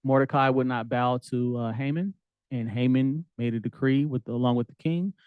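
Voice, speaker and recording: A man's voice: mid-range voice, normal speed, clear, resonant tone, no echo, narrow, tinny audio. A man, teaching a Bible lesson in a casual, conversational way with slang, reading verses aloud. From United States. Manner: conversational, street slang, reads scripture aloud.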